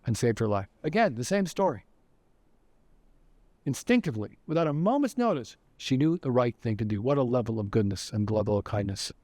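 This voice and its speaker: A man's voice: mid-range voice, expressive, a little fast, darkish tone, no echo. A man giving a recorded educational lecture as director of education, telling stories earnestly. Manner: earnest storytelling.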